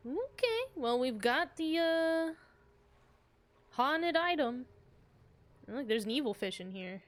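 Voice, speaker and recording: A woman with a fairly high voice streams a game. She keeps up casual commentary in a chatty, playful way, as if talking to friends. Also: big pitch swings, slow pace.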